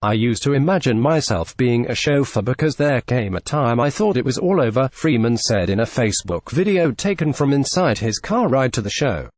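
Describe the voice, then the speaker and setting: A man narrating a scripted entertainment news report in a steady, even read. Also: medium pitch, moderate pace, hardly any pauses, dry recording.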